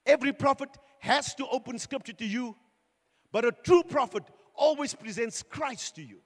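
A man preaching a sermon as a pastor, building to fervent calls and slowing down for emphatic points. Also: extremely high pitch. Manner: preaching with rising fervor and slow emphatic points. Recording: long hall reverb with faint music.

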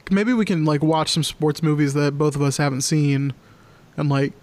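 A young man co-hosts a podcast in relaxed chat, leaning on "like" and small fillers between thoughts. His voice sits a bit higher than most men's. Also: moderate pace. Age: young adult. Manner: filler-heavy, lots of "like". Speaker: podcast co-host. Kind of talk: casual chat.

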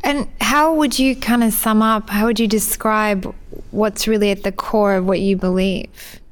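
A woman hosting a podcast, asking questions in a gentle, encouraging way. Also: mid-range voice, fairly even intonation, unhurried, clear, resonant tone. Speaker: podcast host and interviewer. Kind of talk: casual interview questions.

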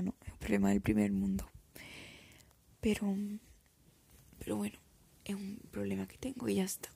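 A young woman whispers her thoughts straight to the camera. Her voice is very breathy with a gravelly edge, and the sound is dry and close. She speaks hesitantly and reflectively, like a confession. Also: mid-range voice, dark tone, no echo. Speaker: art student.

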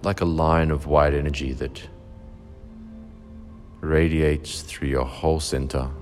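A man leading a guided relaxation meditation, giving calm, soothing instructions with long pauses. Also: a bass voice, soft background music.

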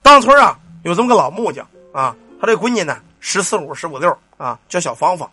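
Lively, earthy male ghost-story teller. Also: sits high, brisk, husky, no room sound, faint music behind. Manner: colloquial, earthy, cursing, animated sound effects. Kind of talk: spoken ghost-story narration.

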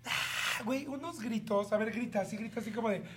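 A man with a Mexican accent, co-hosting a podcast and telling an animated, crude story full of slang and jokes. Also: high voice, fairly quick, a crowd in the background. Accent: Mexican Spanish. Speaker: podcast co-host. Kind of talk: casual chat.

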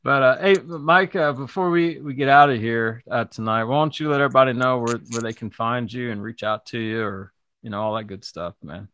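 A man's voice: mid-range voice, fairly quick, fairly bright tone. A young adult man hosting a podcast in casual, agreeable chat, often laughing along. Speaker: podcast host.

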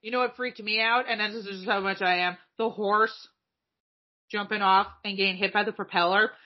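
A woman in casual chat, telling animated stories and swearing freely. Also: medium pitch, brisk. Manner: profane, animated storyteller. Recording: dull lo-fi audio.

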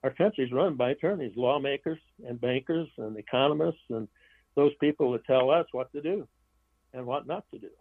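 A man's voice: mid-range voice, moderate pace, no room sound. Guy on a tinny phone line rambling about his books, dry sound, keeps restarting. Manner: rambling, restarts phrases, blunt opinions. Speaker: author and interview guest. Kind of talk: casual interview talk.

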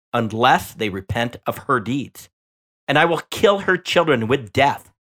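A man hosting a Bible teaching podcast, reading scripture and commentary in a measured, deliberate way with slow, emphatic phrases. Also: medium pitch, a bit bright.

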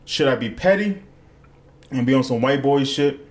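A man's voice: medium pitch, expressive, moderate pace. A young adult man hosting a podcast, telling rambling, profanity-laced stories in casual banter with his co-hosts. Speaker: podcast host.

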